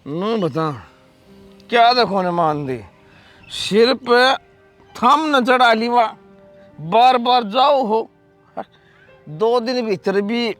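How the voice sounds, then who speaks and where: A man's voice: sits high, a bit bright, heavily acted. A man playing a stubborn, cheeky middle-aged drunk father in a Haryanvi comedy drama, rambling in a Haryanvi accent.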